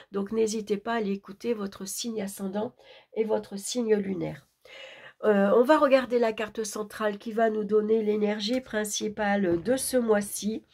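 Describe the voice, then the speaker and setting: A woman's voice: medium pitch, darkish tone, slightly rough. A woman with a sore throat from tonsillitis presenting an informal tarot horoscope reading, subdued and searching for her words.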